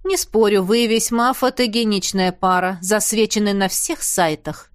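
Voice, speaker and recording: A woman's voice: medium pitch, fairly even intonation, unhurried, dry recording, clean studio sound, natural voice. A woman reading the part of a worried, gloomy male colleague in an audiobook, with a groaning, blunt delivery.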